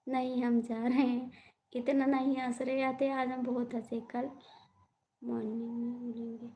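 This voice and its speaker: A woman's voice: fairly high pitch, little pitch movement, a little slow, mellow, a little hiss or hum. A young woman hosting a live stream, chatting casually and answering viewer comments.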